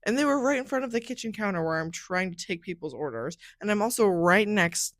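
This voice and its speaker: A woman's voice: medium pitch, lively intonation, brisk, dry recording. Chatty young woman podcast host, dry sound. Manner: chatty, fills speech with "like". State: groggy from a recent nap. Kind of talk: casual solo storytelling chat.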